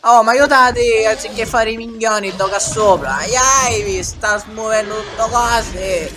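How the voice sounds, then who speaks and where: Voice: mid-range voice, a little slow, lightly acted. An actor voicing a frantic, foul-mouthed Sicilian in a comic parody dub of a dinosaur film, with a Sicilian accent and an exclamatory, colloquial manner. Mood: bossy, comic. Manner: exclamatory, colloquial, full of wails and swearing. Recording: music running under the voice.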